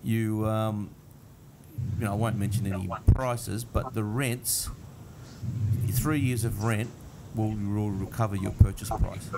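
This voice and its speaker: A man's voice: on the low side, fairly even intonation, slow, gravelly, pauses often. A man co-hosting a casual podcast, blunt and mocking as he chats. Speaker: podcast co-host. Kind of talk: casual chat. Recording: noisy studio recording.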